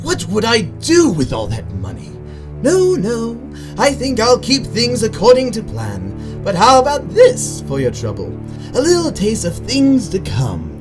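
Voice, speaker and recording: A manic clown villain for a radio drama, with wildly swooping pitch. The delivery is theatrical and taunting, sliding from sing-song mockery into menace, over a prominent music bed. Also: male voice, wildly swooping pitch, a little slow, exaggerated voice. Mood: playful.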